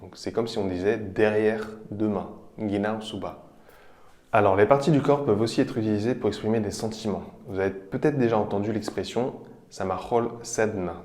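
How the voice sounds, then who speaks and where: A man teaching vocabulary, explaining each example patiently and repeating phrases slowly. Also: lowish voice, a little mellow. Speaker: language teacher. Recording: roomy echo.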